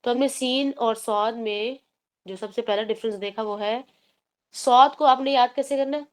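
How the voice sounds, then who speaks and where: A woman teaching recitation to her online class. Her voice sits a little high, and she explains patiently, step by step, slipping English terms into her talk. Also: fairly even intonation, clean tone.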